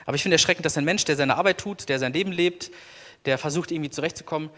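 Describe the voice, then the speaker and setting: A man preaching a sermon as pastor, earnest, slowing down to stress key words. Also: a little high, a bit bright. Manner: earnest, slows down for emphasis. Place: church. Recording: long church reverb.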